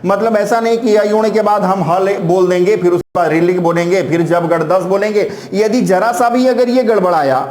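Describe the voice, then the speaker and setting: A man teaching Sanskrit grammar in a classroom style, reciting syllables one by one in slow lists and calling his students "beta". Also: sits high, steady tone, a little mellow, reverberant.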